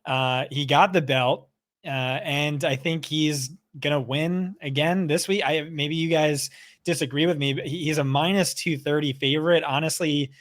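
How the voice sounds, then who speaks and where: A man co-hosts a casual sports podcast, speaking enthusiastically with plenty of fillers. His voice sits fairly high. The sound is close and dry. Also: fairly even intonation, normal speed, a bit bright, no echo. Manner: enthusiastic, teasing, filler-heavy. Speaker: podcast co-host.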